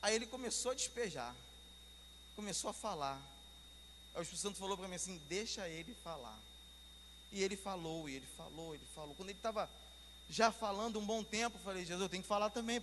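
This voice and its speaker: A man's voice: sits high, fairly bright tone. A man preaching a sermon in a church, telling a story and building to fervent, emphatic appeals. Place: church hall. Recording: reverberant church hall, faint hum.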